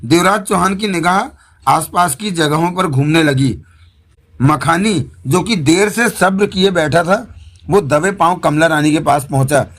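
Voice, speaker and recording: Guy narrating a thriller audiobook, steady storyteller, slightly high voice. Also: a little slow. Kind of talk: scripted narration.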